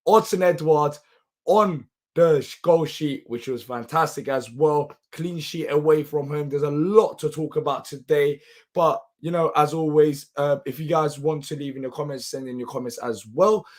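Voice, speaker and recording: A man hosting a live football reaction show, his voice hoarse and half lost, sounding tired. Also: fairly high pitch. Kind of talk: live match reaction commentary.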